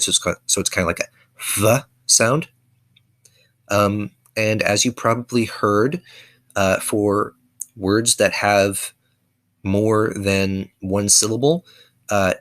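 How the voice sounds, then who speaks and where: A man's voice: lowish voice, fairly bright tone. A man casually explaining his constructed language's verbs in a video lesson, hesitant, with frequent ums and self-corrections. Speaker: conlang teacher.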